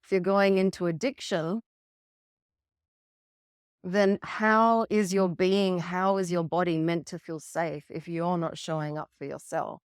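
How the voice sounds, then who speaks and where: A woman delivers a coaching talk on emotional self-care in an unhurried, deliberate way. Her voice sits a little low and she keeps an earnest tone, with the odd casual swear. The sound is dry and close, with no room around it. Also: fairly even intonation, smooth, no echo. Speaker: relationship coach.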